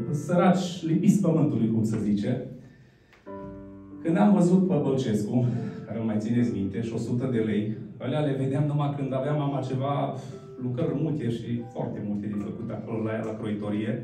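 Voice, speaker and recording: Man telling a story in a roomy hall. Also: medium pitch. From Romania, Cluj. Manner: animated, acts out childhood dialogue. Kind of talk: personal testimony storytelling. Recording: roomy, distant mic with soft guitar music.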